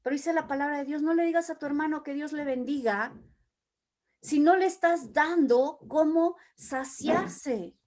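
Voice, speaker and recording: Woman with a high voice teaching bible study, reads verses then explains them. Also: unhurried, a little mellow. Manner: reads scripture aloud, then explains with everyday examples.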